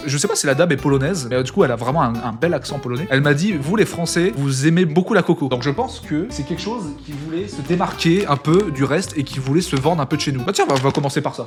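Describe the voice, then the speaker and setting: A young man tasting foods in a casual vlog, jokey and excitable, with sudden loud outbursts. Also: fairly high pitch, fast, hardly any pauses, soft background music.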